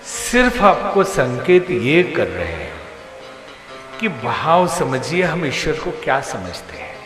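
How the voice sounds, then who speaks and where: Man preaching, slow deliberate delivery, parable storytelling, echoey hall, music behind. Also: on the high side, sing-song. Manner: storytelling, acting out characters with rising and falling voice. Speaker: spiritual preacher. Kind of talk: devotional story sermon.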